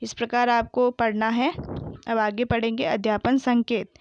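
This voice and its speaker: A woman teacher with a smooth, fairly high voice reads words aloud very slowly, one at a time, and then explains them in a patient, questioning way. The sound is dry and close, a little dull and lo-fi. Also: steady tone, no echo. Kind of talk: slow word-by-word reading lesson.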